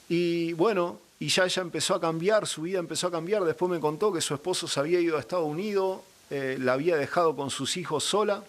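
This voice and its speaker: Young man, slightly high voice, earnest testimony, acts out quoted dialogue. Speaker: guest giving a faith testimony. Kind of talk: personal religious testimony.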